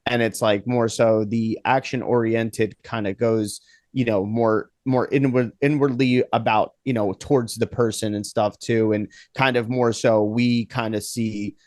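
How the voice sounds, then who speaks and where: A man's voice: medium pitch, steady tone, measured pace, a little mellow, dry recording, studio quality. A man co-hosting a casual podcast, who talks in loose rambling sentences full of fillers. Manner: rambling, lots of fillers like "you know" and "kinda". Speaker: podcast co-host. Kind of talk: casual chat.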